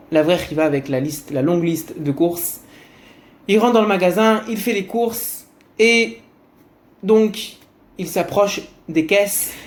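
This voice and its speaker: Lively male storyteller. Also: sits high. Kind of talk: telling a moral story.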